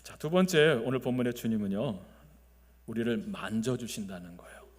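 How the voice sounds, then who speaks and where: Korean pastor preaching in an echoing sanctuary. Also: male voice, mid-range voice, animated, normal speed. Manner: swings between loud emphasis and soft, quiet phrases; leads the congregation in call-and-response. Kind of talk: sermon. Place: large church sanctuary. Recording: long reverb of a church sanctuary.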